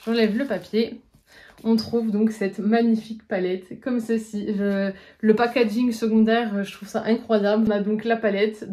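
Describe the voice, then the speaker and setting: A woman's voice: medium pitch, warm tone. Chatty young woman doing a makeup review. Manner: chatty, many fillers while demonstrating. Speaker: beauty vlogger. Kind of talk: casual makeup tutorial.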